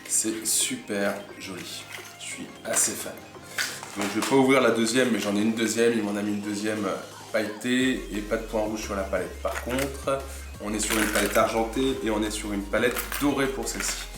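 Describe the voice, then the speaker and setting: Chatty low-voiced man unboxing gear. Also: steady tone, fairly quick. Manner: admiring, chatty, drops often to soft murmurs. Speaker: fishing channel host. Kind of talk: casual unboxing vlog. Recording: echoey room with faint music.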